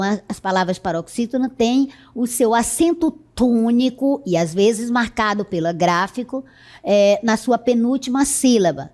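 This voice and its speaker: A woman's voice: on the high side, darkish tone. A woman teacher with a Brazilian Portuguese accent, giving a recorded lesson in a patient, explanatory way and checking in with her students often. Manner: slow, explanatory, checks in with "certo?".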